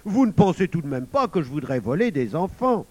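A man voicing a lying adult thief who speaks with obsequious, feigned calm. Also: a little high, fairly quick, no room sound, pitched above the performer's own voice. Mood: smarmy.

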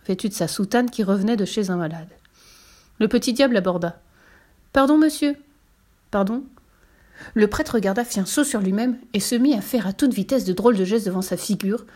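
A female storyteller with a mid-range voice narrates a children's tale. Her reading is measured and expressive.

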